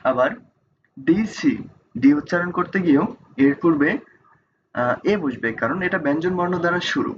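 Male tutor, unhurried with many pauses, slightly raised pitch, muffled low-fi recording. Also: noisy background. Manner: slow, deliberate, pauses with fillers. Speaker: English grammar teacher. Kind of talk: slow explanatory lesson. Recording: dull lo-fi recording with faint ambience.

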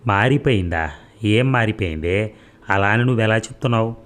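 A man's voice: on the low side, normal speed, fairly bright tone, close to an everyday voice. A man voicing an anxious, caring old grandmother in an audio story, asking question after question.

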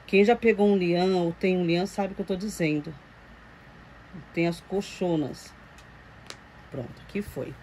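A woman's voice: on the low side, unhurried, long pauses, a little mellow, a little hiss or hum, poor audio. A woman with a Brazilian Portuguese accent chats casually to her viewers at home, cooing fondly over a reborn doll. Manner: chatty and doting, coos at the doll. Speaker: reborn doll collector vlogger. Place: home room with doll shelves.

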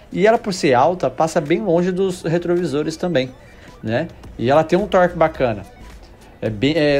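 A man's voice: on the high side, a little mellow. A man hosting a motorcycle channel, giving enthusiastic casual test-ride commentary straight to his viewers, repeating himself as he goes.

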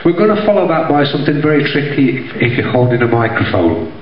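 A man's voice: medium pitch, big pitch swings, fast, a little hiss or hum. A middle-aged man with an East Midlands accent from Derbyshire, teaching line dancing live in a jokey, chatty way and calling out the steps. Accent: East Midlands English, Derbyshire. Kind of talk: live dance instruction, counting steps. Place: stage in a community hall. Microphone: handheld microphone through PA, recorded from the audience. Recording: echoey hall, dull sound, audience heard.

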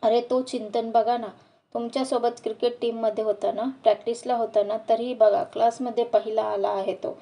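Woman doing a strict professor lady, harsh and scornful, dark mellow tone. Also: a little high, level tone, brisk, lightly acted. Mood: stern scolding. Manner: stern, contemptuous scolding. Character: strict scolding female college professor.

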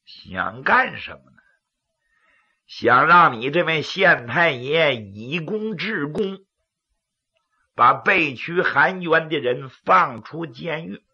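A storyteller as a gravelly, taunting martial hero. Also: male voice, on the high side, lively intonation, slow pace, sharp tone, muffled recording, exaggerated voice. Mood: mocking, threatening. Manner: dramatic, taunting. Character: bold, mocking male martial hero threatening officials.

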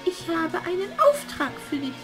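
A man playing a shrill, cackling old witch. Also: expressive, moderate pace, fairly bright tone, faint music behind. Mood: commanding. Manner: commanding, theatrical and scheming. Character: cackling old evil witch, scheming and bossy. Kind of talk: puppet theater play.

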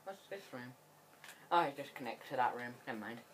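A woman giving chatty, excitable gameplay commentary that rambles and restarts. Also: extremely low pitch, a little fast, slight background noise. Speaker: gaming channel host.

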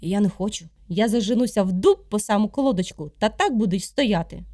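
A woman's voice: medium pitch, lively intonation, fairly quick, mellow, no echo, studio quality, natural voice. A woman voicing a stubborn talking awl in a folk tale, refusing in a curt way. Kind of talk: storybook character voice.

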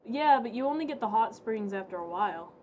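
A woman's voice: fairly high pitch, lively intonation, fairly quick, narrow, tinny audio, slight background noise. A woman giving casual live game commentary, informally thinking aloud to herself and her viewers. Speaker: game streamer.

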